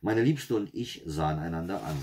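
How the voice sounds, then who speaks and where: A man's voice: deep voice, lively intonation, normal speed, darkish tone, a little hiss or hum. A man reading his own first-person story aloud in a dry, wry manner.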